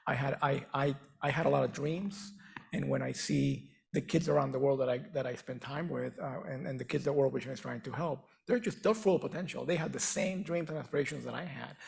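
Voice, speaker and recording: A middle-aged Venezuelan man, a native Spanish speaker, talks earnestly on stage as a guest speaker in an on-stage conversation. His mid-range voice is slightly mellow with vocal fry, and his delivery is halting, full of repeated restarts.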